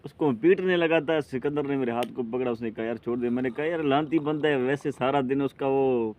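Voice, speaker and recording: A man tells stories about a friend in a lively, casual way. His voice sits at an ordinary pitch. The sound is thin and phone-like, with faint noise underneath. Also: fairly quick. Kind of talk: casual chat.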